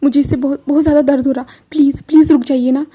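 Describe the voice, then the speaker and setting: Woman doing a crying young man, stammering pleas, mellow husky voice, audio story. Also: high-pitched, steady tone, fast. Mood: tearful pleading. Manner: pleading, stammering repeats. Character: young man, tearful and pleading.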